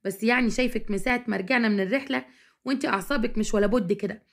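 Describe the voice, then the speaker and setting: A woman's voice: fairly high pitch, rapid-fire, creaky. Woman doing a nervous egyptian husband dodging questions. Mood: sheepish. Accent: Egyptian Arabic. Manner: hesitant, making excuses. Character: evasive sheepish husband.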